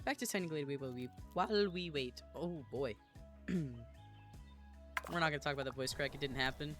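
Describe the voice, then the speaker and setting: A streamer chatting casually with viewers while playing, giggly and quick to apologize. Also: mid-range voice, over music. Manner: chatty, giggly, self-deprecating, talks to chat while playing. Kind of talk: casual game-streaming chat.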